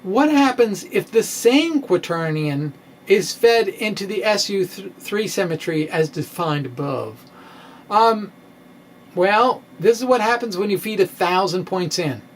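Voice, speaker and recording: There's a steady, clear background noise as a high-pitched middle-aged man, a physics video blogger, reads his science blog aloud with drama. He halts and pauses at length in a quirky way, speaking into a microphone on a stand before him inside a small room with bookshelves.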